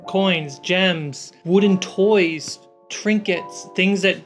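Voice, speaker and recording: Over background music, a game master narrates a tabletop roleplaying game, describing each scene bit by bit. His voice is medium in pitch, and he draws his words out.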